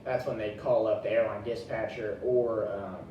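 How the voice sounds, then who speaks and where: In a lo-fi, very echoey recording from a distant room mic, a young man presents to his class in a folksy, informal style amid room noise. His voice is fairly low and dark, steady in tone, at a moderate pace.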